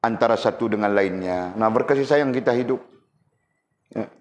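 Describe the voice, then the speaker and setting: Ustaz-type guy teaching, keeps asking the room questions, lowish voice, echoey. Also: moderate pace. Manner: lively, asks listeners rhetorical questions. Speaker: religious teacher. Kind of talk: religious lesson commentary. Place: religious boarding school community. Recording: echoey room with faint noise.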